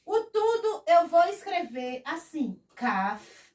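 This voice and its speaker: High-voiced woman teaching at a whiteboard. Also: very animated. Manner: patient, repeats each word slowly, often interjects a blessing. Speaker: Hebrew teacher. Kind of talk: whiteboard lesson. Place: room with a whiteboard. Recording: echoey room, voice from a distance.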